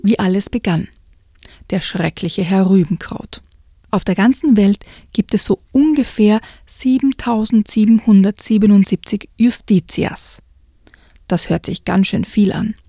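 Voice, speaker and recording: A woman reading a children's storybook aloud on a radio programme and talking about it, with a soft, partly whispery delivery. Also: mid-range voice, unhurried, no room sound, studio quality. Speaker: book reviewer.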